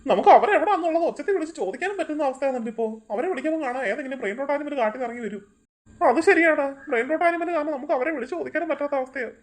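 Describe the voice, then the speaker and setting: A woman's voice: high voice, lively intonation, racing. A woman playing a chatty, fretful grown-up companion in a kids' drama, fussing over her lost hair and the missing children. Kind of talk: Malayalam kids' fan drama.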